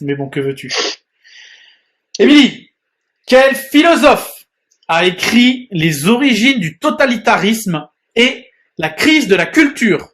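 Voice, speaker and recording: Man, quiz host, slow deliberate reading, playful banter. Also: high voice, sing-song, a bit bright. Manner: reads quiz questions slowly, laughs and teases.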